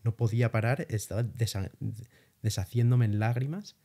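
A man's voice: mid-range voice, normal speed. A young man from Spain, telling his travel experiences as a guest in a casual interview, swearing lightly as he goes. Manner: animated storytelling with casual swearing.

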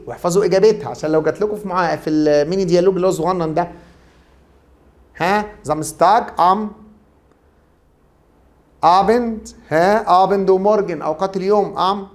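Fast-talking Egyptian man teaching a lesson. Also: sits high. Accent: Egyptian Arabic. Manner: brisk, chatty, asks and answers his own questions. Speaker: German language teacher. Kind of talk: classroom video lecture.

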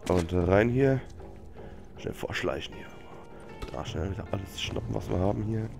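Speaking at a moderate pace in a fairly low, creaky voice, this young adult let's player has a cold. Into his headset microphone he mutters, swears, and riffs in slang while game music and gunfire play behind him.

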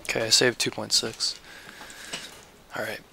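A man's voice: on the low side, level tone, unhurried, vocal fry, loud music behind the voice. A man giving live commentary on his own speedrun, swearing and muttering to himself as he plays. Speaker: speedrunner streaming a run.

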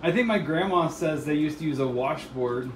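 A man's voice: a little high, normal speed. A man, a hiking partner, chatting casually and teasing lightly in a small motel room. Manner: easygoing, teasing, laughs. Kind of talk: casual chat behind the camera. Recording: roomy sound with faint background hiss.

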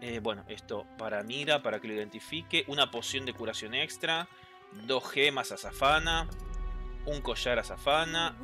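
A man with a Rioplatense Spanish accent giving chatty, excitable gameplay commentary, reading game lines aloud and answering chat. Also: mid-range voice, moderate pace, over music. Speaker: gameplay streamer.

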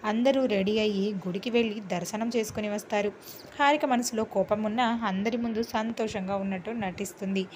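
Woman narrating a story at medium pitch. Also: brisk, a little hiss or hum, rough recording.

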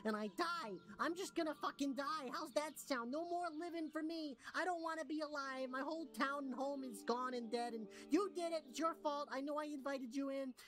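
A woman's voice: high-pitched, normal speed, few pauses, fairly bright tone. A woman voicing a tiny, overly emotional cutie creature who greets visitors to her town, in video game dialogue with a sweet, cutesy, melodramatic manner. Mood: depressed ranting. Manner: sweet, cutesy, melodramatic, swings into wailing despair. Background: game music.

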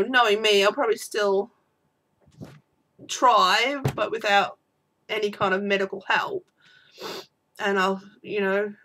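A woman's voice: mid-range voice, fairly bright tone. A woman vlogger talking in an unedited personal video diary, teary with her voice breaking, rambling and apologetic.

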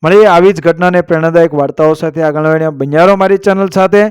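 A man narrating a folk tale in a slow, measured way as the channel's storyteller. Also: a little high, fairly even intonation, clean tone, dry recording, studio quality.

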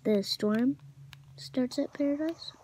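A young woman chatting casually while playing a video game, excitable and chatty, shouting at opponents now and then. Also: high-pitched, slow, breathy edge. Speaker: gamer. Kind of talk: casual gameplay commentary.

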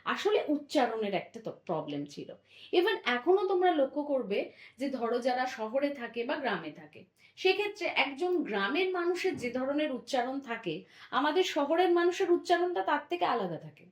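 A woman's voice: high voice, big pitch swings, moderate pace, echoey room. A woman teacher giving a school history lesson, explaining step by step and often checking that her students follow.

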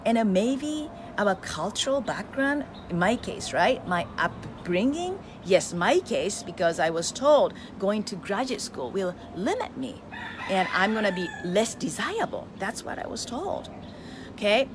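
A middle-aged Japanese woman who teaches face yoga gives a live motivational talk to followers, holding her phone at arm's length on an outdoor veranda. She speaks with a Japanese accent at medium pitch and a little slowly, animated, exclaiming, gesturing with her hands and asking listeners questions, with background noise behind her.

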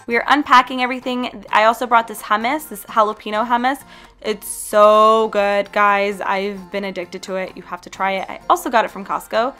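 With faint music in the background, a young woman from Canada voices over her healthy food vlog, chatting casually and upbeat as she recommends foods directly. Her medium-pitched voice sounds pushed and bright.

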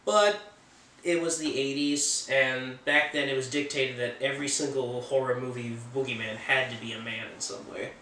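Casual male film reviewer, opinionated and joking, middle pitch, roomy distant sound. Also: normal speed, bright, forceful tone. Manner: chatty and opinionated, with offhand jokes.

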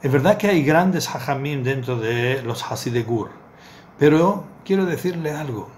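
A middle-aged rabbi earnestly shares a parable during a Torah lesson, repeating words for emphasis. His medium-pitched voice is animated and moderately paced, and the desk webcam recording from his small study with bookshelves carries a little hiss or hum.

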